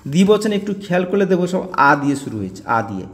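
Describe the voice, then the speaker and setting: A man with a fairly high voice explains a grammar lesson, patiently repeating each word ending as a drill. His voice carries a long reverb, as if recorded in a bare, echoing room. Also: very animated, rapid-fire. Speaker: teacher.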